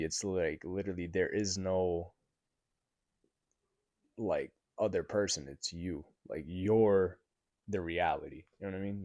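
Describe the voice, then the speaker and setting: A man's voice: low voice, dry recording, studio quality. A young man hosting a podcast alone, telling a story in rambling casual talk with lots of fillers and swearing, still recovering from being sick. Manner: rambling, heavy filler words and profanity; gets loud and animated retelling a shock. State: recovering from sickness. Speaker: podcast host. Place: apartment building room.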